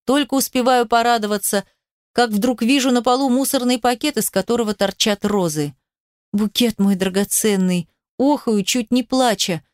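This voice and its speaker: A woman's voice: on the high side, moderate pace, no room sound, studio quality. A woman reading a first-person story aloud in a wry, sarcastic way. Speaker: narrator. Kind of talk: first-person audiobook narration.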